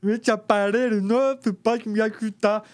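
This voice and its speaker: Strikingly high and clean-voiced, a Brazilian guest recounts a personal story during an interview, keeping a steady tone. Each word comes out slow and careful through his Brazilian Portuguese accent.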